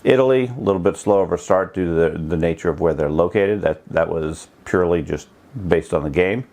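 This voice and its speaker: A middle-aged man with a notably deep, low voice hosts a casual video blog update. He talks in an unhurried, rambling, low-key way. He restarts his phrases and corrects himself as he goes. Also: a little mellow. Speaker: channel host.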